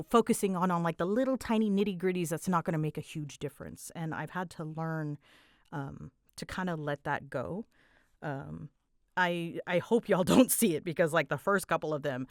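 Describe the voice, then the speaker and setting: A woman with a slightly low voice chats casually as a creator taking listener questions, rambling in a self-deprecating, conversational way. The recording is dry, with no room sound.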